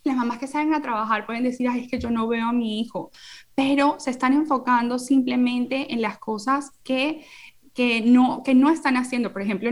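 An earnest woman in her thirties speaks as a podcast guest on parenting. Her voice sits a little high, and she explains her ideas through everyday examples in a conversational way.

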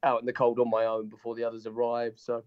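A man's voice: medium pitch, monotone, quick pace, no echo. A man with a cold, his voice muffled as if heard through a wall, chatting as a podcast co-host over a call. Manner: rambling, self-correcting. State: head cold, stuffy muffled voice. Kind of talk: casual chat. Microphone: Skype call. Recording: dull, muffled lo-fi call audio.

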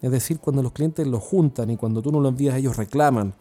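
A man's voice: mid-range voice, fast talker, dark tone, faint music behind. A man with a Chilean accent hosting a solo podcast, talking in a chatty, earnest way with many fillers and restarts. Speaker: podcast host and sales consultant.

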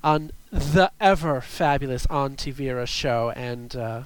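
A man's voice: medium pitch, measured pace, a little hiss or hum. A man hosting a show with a chatty, campy drag queen delivery. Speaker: show host.

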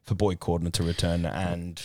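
A man's voice: low voice, little pitch movement, moderate pace, a little mellow, no echo, studio quality. Blokey, sweary Australian man. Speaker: podcast co-host. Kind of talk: casual sports banter.

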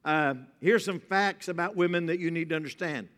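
A man preaching a sermon at a pulpit microphone in a church, moving from joking to a softer, reflective tone. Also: fairly high pitch, fairly quick. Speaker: pastor. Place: church sanctuary. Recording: reverberant church hall.

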